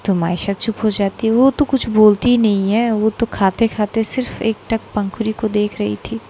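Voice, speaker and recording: A woman's voice: medium pitch, steady tone, normal speed, mellow, slight background noise. A woman from Bangladesh with a Bengali accent, narrating a serialized romance story in a casual, filler-heavy way.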